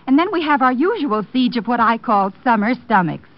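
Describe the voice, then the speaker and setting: A woman acting as an earnest American mother in a vintage radio commercial, her voice fairly high. The recording is muffled. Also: animated, fairly quick, natural voice. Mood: concerned. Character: concerned, eager housewife and mother. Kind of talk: old radio commercial, scripted testimonial.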